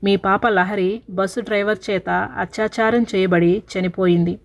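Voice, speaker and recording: Male police officer, woman narrating, formal, brisk, somber. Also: medium pitch, steady tone, natural voice. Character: male police officer delivering bad news.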